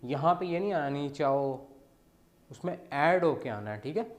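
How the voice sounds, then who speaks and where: A man's voice: on the high side, expressive, measured pace. A man teaching beginner Chinese, who explains step by step and often checks in with his students. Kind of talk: beginner language lesson.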